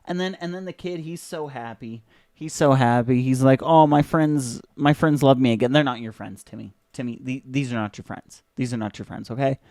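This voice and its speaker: A man's voice: medium pitch, brisk, darkish tone, dry recording, clean studio sound. A young man hosting a video, casually and sarcastically commenting on an old commercial, chatty and joking. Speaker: video host.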